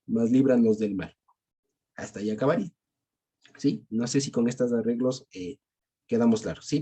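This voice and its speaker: A man's voice: medium pitch, dark tone, breathy edge. A man with an Ecuadorian Spanish accent teaching a small-group Bible class over a video call, explaining step by step and checking in with his listeners after each point.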